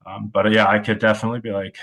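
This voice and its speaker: Reflective man in his thirties, low voice. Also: little pitch movement, fairly bright tone. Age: 30s. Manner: reflective, halting, many filler sounds. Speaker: wide receivers coach. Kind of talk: podcast interview.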